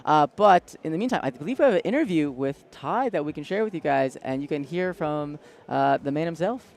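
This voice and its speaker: A man commenting live on a card game tournament at a convention centre, bursting with excitement. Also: on the high side, a little fast, gravelly. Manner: excitable, breathless bursts of hype.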